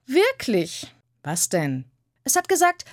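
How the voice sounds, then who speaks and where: Eager high girl voice, very lively and urgent, put on by a female reader. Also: slow, dry recording, studio quality, full character voice. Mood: pleading. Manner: high breathless calling, urgent. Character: excitable young girl, eager and pleading. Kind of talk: audiobook character voice.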